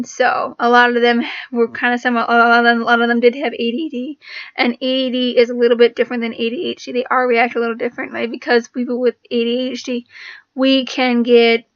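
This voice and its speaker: High, flat-voiced young woman vlogging. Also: no room sound, highs cut off. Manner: rambling, with many restarts and fillers. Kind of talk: casual personal talk to camera.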